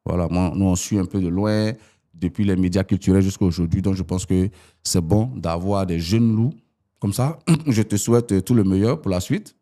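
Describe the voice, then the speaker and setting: A man in his forties from Ivory Coast, a politician arguing his points as a guest in an interview. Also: normal speed. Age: 40s. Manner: animated, rising pitch when arguing.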